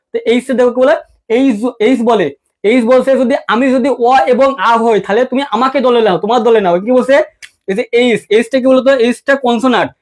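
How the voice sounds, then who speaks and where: A young man teaching an exam-prep English lesson, drilling the listener with repeated questions and answers and calling them brother. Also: extremely high pitch. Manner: addresses the viewer as brother. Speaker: English tutor.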